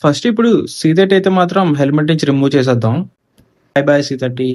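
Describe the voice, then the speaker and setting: A man with a Telugu accent talks fast in a higher, rather dark-toned voice. As a gear reviewer, he casually unboxes and installs a product, blending English technical jargon into his speech.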